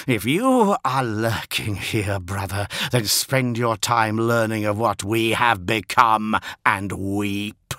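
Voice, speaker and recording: A man's voice: on the low side, lively intonation, slow, few pauses, bright, forceful tone, dry recording, clean studio sound, heavily acted. A man voicing a grandiose, decadent male demigod lord in an audiobook, declaiming like a heroic stage actor. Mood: bitter. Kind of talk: audiobook character voice.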